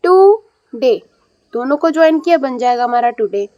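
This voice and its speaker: A woman's voice: fairly high pitch, brisk, dark tone, no room sound, muffled recording. A woman teaching young students English reading, explaining patiently and checking in often. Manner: patient, repeats and checks with "ठीक है".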